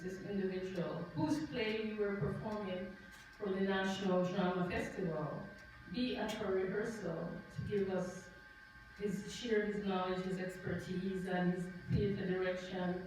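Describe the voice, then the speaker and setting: A middle-aged Jamaican woman speaking at a poetry tribute event, reflective and halting, with many fillers and restarts. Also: mid-range voice, a little mellow, slight background noise. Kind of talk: unscripted remarks before a reading. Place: event hall. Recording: very echoey hall, voice distant.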